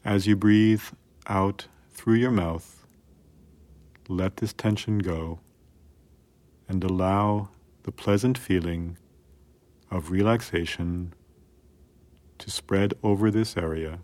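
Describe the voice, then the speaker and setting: A man calmly narrating a scripted guided relaxation in a soothing, measured way with long pauses. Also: low voice.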